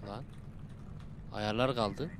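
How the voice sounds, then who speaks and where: A young man giving casual, slangy commentary while playing a horror game, bursting into loud shouts and dropping to low mutters. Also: slow pace, noisy background. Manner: excitable, swings between loud outbursts and low mutters; casual slangy banter with viewers. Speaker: gaming YouTuber.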